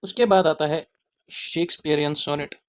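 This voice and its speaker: A teacher explaining a literature topic in a deliberate lesson, spelling out key terms word by word. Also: mid-range voice, steady tone, dull audio.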